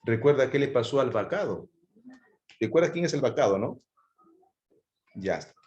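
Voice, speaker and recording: A man's voice: mid-range voice, expressive, normal speed, darkish tone, muffled recording. A man teaching a live history class, talking conversationally and asking students rhetorical questions. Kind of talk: live online class lecture. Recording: echoey room.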